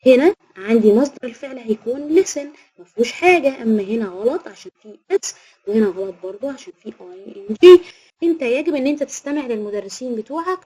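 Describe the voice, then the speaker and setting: Egyptian lady teacher, high voice, explaining grammar to kids step by step, asks then answers herself. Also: a little mellow. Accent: Egyptian Arabic. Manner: patient, asks and answers her own questions; slows down to read English examples aloud. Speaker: English teacher. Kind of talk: classroom grammar lesson.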